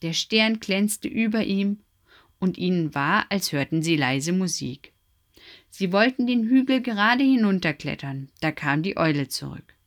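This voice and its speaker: A woman reading a children's Christmas story aloud in an expressive storybook manner. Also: medium pitch, a little slow.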